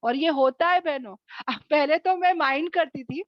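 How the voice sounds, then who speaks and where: A woman's voice: high-pitched, a little slow, no echo, dull audio. A woman teaching a Quran study class online, calling her listeners sisters and acting out what others say. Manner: animated, addresses listeners as sisters; acts out quoted remarks and asks rhetorical checks. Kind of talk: Quran study lesson in Hindi-Urdu. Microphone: online meeting recording.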